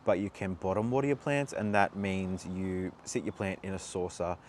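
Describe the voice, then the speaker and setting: Man, low voice, laid-back how-to talk, lots of asides and fillers. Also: steady tone, moderate pace, darkish tone, a little hiss or hum. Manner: loose and chatty, many fillers and asides. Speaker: plant channel host. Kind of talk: casual how-to talk to camera.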